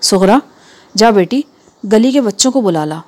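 A woman reading the part of a calm, practical mother who steadies a worried relative and gives orders at home. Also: medium pitch, close to an everyday voice. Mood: reassuring. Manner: soothing yet firm.

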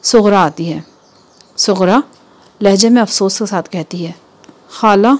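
A woman narrates a story aloud. Her delivery is even and measured. She keeps the narration plain between the characters' lines. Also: mid-range voice, breathy edge. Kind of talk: scripted story reading.

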